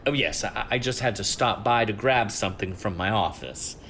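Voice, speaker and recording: A man's voice: fairly low pitch, expressive, moderate pace, a bit bright, slight background noise. A man playing a genial, encouraging boss with a theatrical manner in an audio drama. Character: genial boss urging on the holiday staff.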